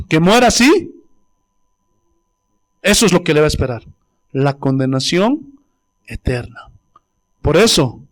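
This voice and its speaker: A man from Bolivia preaching a sermon as pastor, emphatic and exhorting, with swings from loud to low and drawn-out stressed words. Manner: emphatic preaching, repeats "Gloria a Dios".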